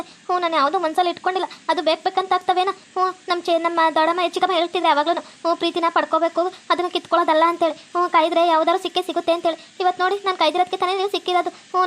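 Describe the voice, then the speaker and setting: A woman voicing a bashful young wife, high and quick. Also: fairly bright tone. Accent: North Karnataka Kannada. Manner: bashful, pleading. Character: shy, blushing young wife. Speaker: channel narrator. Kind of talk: cartoon voice acting and narration.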